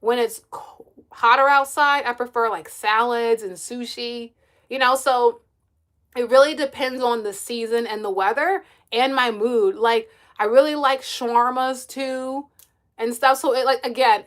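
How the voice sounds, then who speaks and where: High-voiced chatty woman streamer. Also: normal speed. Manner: chatty, laughs often, answers viewers directly. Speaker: livestream host and kids' coach. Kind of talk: casual live-stream chat reading comments.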